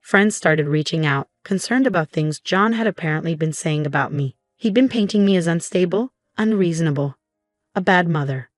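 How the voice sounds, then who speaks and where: A woman reading a first-person story as scripted narration, in a steady, measured way. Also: lowish voice, dry recording, studio quality, soft background music.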